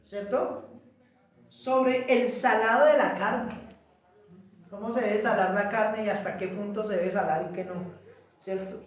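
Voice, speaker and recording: A man teaching a small group in a relaxed way, explaining step by step and checking in with his listeners. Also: high-pitched, measured pace, long pauses. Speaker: Bible study teacher. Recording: echoey room, mic far off.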